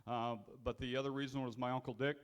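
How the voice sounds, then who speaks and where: A man who is an auctioneer, giving a speech and then calling bids in a fast rhythmic chant at an event. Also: medium pitch, level tone, smooth. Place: event hall.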